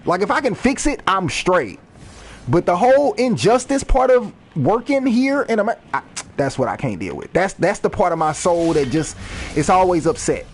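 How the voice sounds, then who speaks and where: A man's voice: high-pitched, big pitch swings, moderate pace. A man in his thirties, a rapper, rambling freely and swearing during casual gameplay commentary. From United States. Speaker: rapper and gaming streamer.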